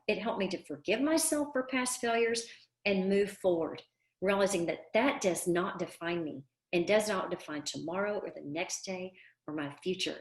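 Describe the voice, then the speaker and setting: A middle-aged woman coaching parents in a live online class, earnest and emphatic, repeating words for stress. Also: lowish voice. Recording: echoey room.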